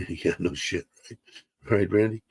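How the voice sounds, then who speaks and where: Low-pitched and unhurried, with vocal fry and a slightly rough edge, this livestream host talks from his computer. His chat is rambling and packed with fillers, he sounds a little congested, and the computer mic recording has no room sound.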